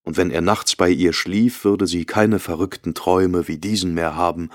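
A man narrating an audiobook in a very low, deep voice. His delivery is measured and even, in a steady storytelling pace. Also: no room sound, studio quality. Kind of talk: scripted narration.

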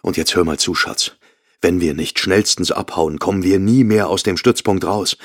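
A deep-voiced man as an urgent, nervous husband. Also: normal speed, husky, dry recording, clean studio sound. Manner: hissing, urgent and clipped. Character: nervous, driven young husband fleeing at night.

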